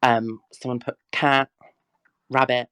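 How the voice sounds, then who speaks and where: A woman's voice: extremely low pitch, little pitch movement, takes it slowly, a bit bright, smooth, no echo. A woman hosting a casual livestream Q&A who chats freely, scolds her chat and laughs often. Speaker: livestream Q&A host.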